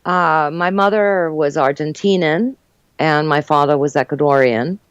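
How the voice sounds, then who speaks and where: Speaking unhurriedly in a low, clean voice, this older woman chats as an interview guest. She was born in Uruguay and grew up in New Jersey and New York, and she tells her story warmly with frequent fillers and laughter. The recording has no echo, but the highs are cut off.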